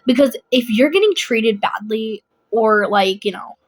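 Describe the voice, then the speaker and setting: A woman's voice: a little high, unhurried. A young adult woman vlogging in a casual, rambling chat, blunt and emphatic, often repeating herself.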